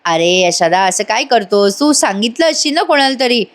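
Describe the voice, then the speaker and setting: A woman's voice: a little high, animated, moderate pace, natural voice. A woman voicing a cheeky young man who jokes and dodges questions, in a playful, teasing manner. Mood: evasive.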